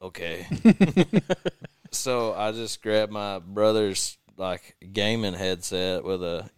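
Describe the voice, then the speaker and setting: A lower-pitched man with a very clean, crisp voice, recorded close and dry. He tells a story in a loose, rambling way and keeps restarting his sentences. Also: little pitch movement, takes it slowly, dry recording. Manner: rambling, self-correcting. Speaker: guest. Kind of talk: casual storytelling.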